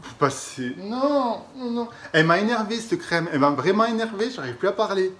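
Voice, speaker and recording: A young French man chatting casually through a beauty product review vlog, expressive and quick to exaggerate and laugh. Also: high voice. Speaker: beauty vlogger.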